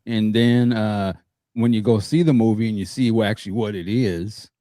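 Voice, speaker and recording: Low-voiced man co-host, easygoing and meandering, recorded dry. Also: moderate pace, mellow, no echo. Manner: laid-back, rambling, laughs easily. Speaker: co-host panelist. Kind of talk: casual podcast chat.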